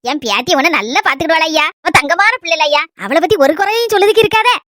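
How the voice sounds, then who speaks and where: A woman with a Kanyakumari Tamil accent voicing a frail, gentle elderly grandmother in a comedy skit, talking softly and pleadingly. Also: very high-pitched, animated, fast, dry recording, clean studio sound, voice pushed down. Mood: affectionate. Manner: soft, pleading, sentimental. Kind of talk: comedy skit role-play.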